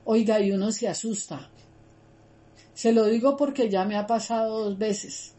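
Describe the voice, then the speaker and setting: A woman leads a Bible study in a mellow, warm voice, earnest and conversational. She repeats phrases for emphasis and keeps turning to talk straight to her listeners. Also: on the high side, a little slow. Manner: earnest, repetitive, addresses listeners directly.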